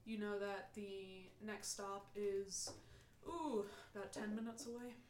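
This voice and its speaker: A woman's voice: mid-range voice, steady tone, slow pace, a little mellow, a little hiss or hum. A woman running a tabletop game as game master, narrating in a chatty way with laughing asides. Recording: roomy echoey mic.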